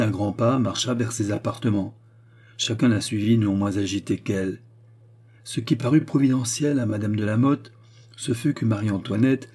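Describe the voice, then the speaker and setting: Man, audiobook narrator, low and husky, measured dramatic reading. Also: warm tone. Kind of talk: scripted literary narration.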